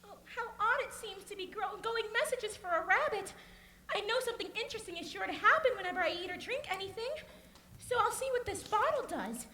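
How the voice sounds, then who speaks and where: A woman's voice: very high-pitched, expressive, a little fast, sharp tone, heavily acted. A curious young girl. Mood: wondering. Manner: wondering and chatty. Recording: echoey hall with faint noise.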